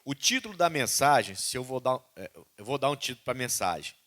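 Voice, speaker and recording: A man's voice: mid-range voice, big pitch swings, brisk, a bit bright. A man, a pastor, preaching a sermon and voicing God's questions with rising intensity.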